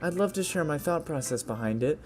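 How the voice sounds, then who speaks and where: A man voicing a shy, soft-spoken teenage girl poet who stammers and apologizes while reading game lines aloud. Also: fairly high pitch, expressive, fairly quick, soft background music, voice pushed up, natural voice. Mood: shy, hesitant. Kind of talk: video game voice-over reading.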